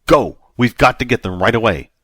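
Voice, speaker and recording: A man voicing a desperate male spaceship captain who shouts demands at his crew. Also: lowish voice, lively intonation, a little fast, no room sound, studio quality. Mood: urgent, shouting.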